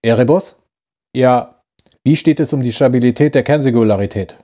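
A man voicing a hard, wary middle-aged soldier in armor, speaking gruffly and curtly in a science-fiction audiobook. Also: medium pitch, moderate pace, dark tone, close to an everyday voice. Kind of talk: audiobook character voice.

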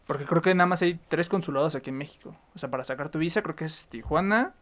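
Fast-talking man from Chihuahua, raised voice, casual podcast chat, piles on fillers. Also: fairly high pitch, a bit bright. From Mexico, Chihuahua. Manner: rapid, talkative, lots of "o sea" fillers. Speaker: podcast co-host or guest.

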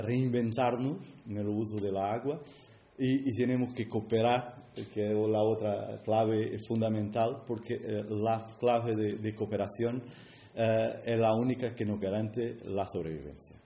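Male guest speaker, native Portuguese with clear Portuguese accent, halting delivery, mellow tone, roomy sound. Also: fairly low pitch. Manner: halting, searching for words. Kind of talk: short public speech in Spanish mixed with Portuguese. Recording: echoey room with faint noise.

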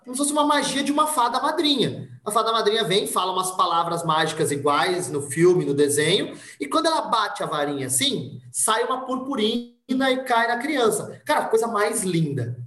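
A man from Brazil telling a personal story in casual conversation, with lively delivery and voices acted out for the people in it. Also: high voice, fairly quick, few pauses, reverberant. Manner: animated, acts out voices in anecdotes. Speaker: podcast guest.

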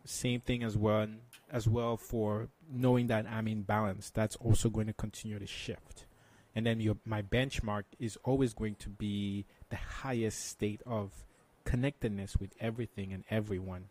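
A man's voice: on the low side, fairly even intonation, moderate pace, hardly any pauses, a little mellow. A man speaking as an interview guest, explaining things conversationally like a meditation teacher.

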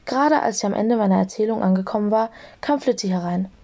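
A young woman narrating a fan audiobook in a lively storytelling manner. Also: medium pitch, fast talker.

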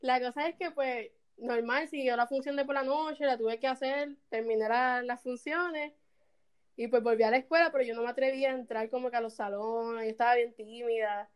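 Animated Puerto Rican woman storyteller. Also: on the high side, moderate pace, clean tone. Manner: animated, laughing often while telling a story. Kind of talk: casual storytelling chat.

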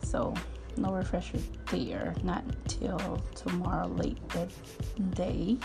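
A woman's voice: on the low side, steady tone, slow, vocal fry, over music. A woman hosting a podcast in casual motivational chat, teasing her co-worker and laughing often, speaking. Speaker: podcast host.

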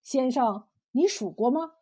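Woman voicing a slow-talking old fisherman. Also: sits high, animated, dark tone, husky, heavily acted. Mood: lecturing. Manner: slow, drawn-out folksy speech. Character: weathered old male fisherman, blunt and wise. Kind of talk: storytelling role voice.

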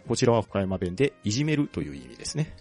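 A man co-hosting a podcast, explaining a topic calmly and methodically. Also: mid-range voice, quick pace, vocal fry, breathy edge, faint music behind. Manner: explains at length, calm and methodical. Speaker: podcast co-host presenting a local hero. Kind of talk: casual chat.

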